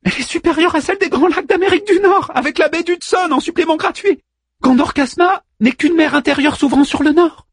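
A man voicing a small, plucky male robot sailor in an audiobook, in a high, excited and emphatic voice. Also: brisk, no echo, studio quality. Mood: urgent, eager.

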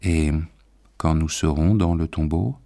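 A hot-tempered young nobleman, as a deep-voiced male reader puts him on, pushing up into a strained, loud register. The gravelly edge of the reader's voice stays under the outrage. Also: a little slow, heavily acted. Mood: stunned. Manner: loud, high-strung outbursts.

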